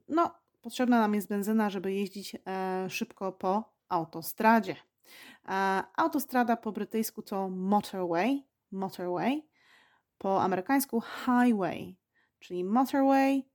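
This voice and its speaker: A woman hosting a podcast lesson, speaking slowly and patiently and repeating each word for learners. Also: medium pitch, a little mellow. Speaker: English teacher and podcast host.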